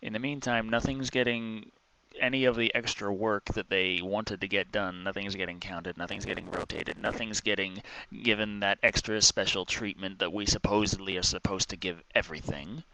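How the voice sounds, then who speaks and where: An exhausted man rambling casually in an exasperated, complaining rant, with halting pauses. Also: fairly low pitch, fairly even intonation, bright, forceful tone, slight background noise, rough recording. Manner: exhausted, weary, with heavy sighs and halting pauses. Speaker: vlogger.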